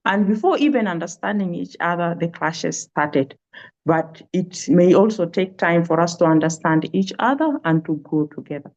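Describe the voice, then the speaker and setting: A woman's voice: lowish voice, expressive, moderate pace, a little mellow. A woman from South Sudan answering interview questions on a webinar, hesitant and searching for words. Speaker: pastoral care and trauma healing worker. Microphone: video call. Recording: dull lo-fi call audio.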